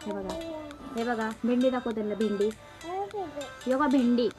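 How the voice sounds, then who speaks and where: A woman's voice: a little high, fairly even intonation, normal speed, a little mellow, faint music behind. A mother talking to her toddler in a playful home vlog, coaxing her in sing-song baby talk. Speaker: mother and vlogger.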